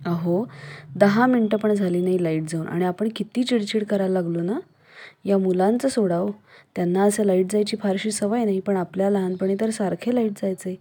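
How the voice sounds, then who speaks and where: A cheerful middle-aged mother from a storybook, as the woman reading puts her on. Her voice is mellow and soft-edged, and she speaks in a coaxing, nostalgic way, like someone recalling childhood games. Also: mid-range voice, normal speed, husky, lightly acted. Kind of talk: storybook narration.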